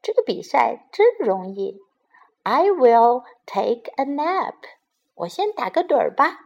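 A woman voicing a boastful male rabbit in a children's story, saying each line slowly in English and then again in Chinese. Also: on the high side, sing-song, creaky, a little mellow, muffled recording, exaggerated voice. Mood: cocky.

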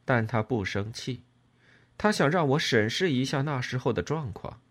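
A man narrating an audiobook in an expressive, emotional storytelling manner. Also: medium pitch, normal speed.

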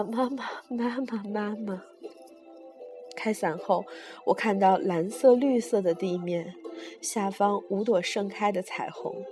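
A woman's voice: medium pitch, dark tone. A woman reading a first-person story aloud with vivid storytelling.

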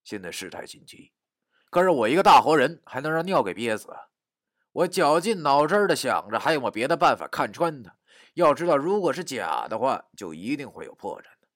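A man narrating a first-person story, dramatic, dropping to a hush and rising to shouts. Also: medium pitch, fairly quick, no room sound, clean studio sound. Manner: animated, dramatic, swings from hushed to shouting.

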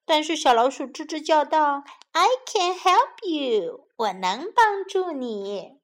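A woman voicing a tiny, timid mouse in a children's storybook, with a squeaky, pleading voice. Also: lively intonation, takes it slowly. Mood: eager.

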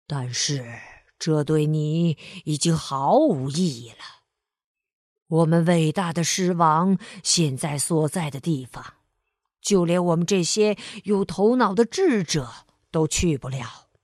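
A woman voicing a gloomy, self-important male crow who calls himself a sage, speaking slowly and solemnly. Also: deep voice, a little mellow, dry recording, clean studio sound, pitched below the performer's own voice. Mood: pompous. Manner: solemn, slow and mournful.

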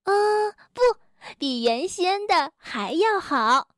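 A woman's voice: very high-pitched, animated, slow pace, dry recording, clean studio sound, heavily acted. A woman voicing a cheerful, proud male beaver dentist in a children's storybook, speaking in a bouncy, beaming way. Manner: bouncy, beaming, rhyming patter.

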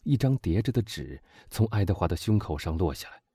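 Male narrator, low dark husky voice, dramatic storytelling, close dry mic. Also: sing-song, brisk, no echo. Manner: dramatic, swelling and dropping to a hush. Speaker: audiobook narrator. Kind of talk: scripted narration.

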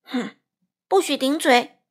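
A woman's voice: fairly high pitch, sing-song, moderate pace, slightly rough, exaggerated voice. A woman playing a stern scolding mother. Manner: firm, loud scolding.

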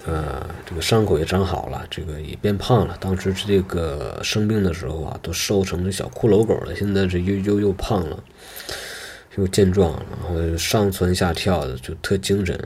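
A man's voice: sits low, a little mellow, a little hiss or hum. A man casually telling a personal story, hesitant and rambling, with many filler words.

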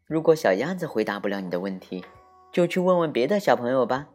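A man's voice: medium pitch, expressive, quick pace, darkish tone, soft background music, pitched above the performer's own voice, lightly acted. A man doing a bouncy, cheerful little friend. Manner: bouncy and reassuring, sing-song. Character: cheerful lively boy friend who comforts others.

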